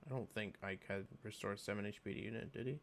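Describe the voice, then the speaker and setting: A man giving casual reaction commentary on a game, reading skill text aloud and thinking out loud with fillers. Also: lowish voice, quick pace. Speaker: game video creator.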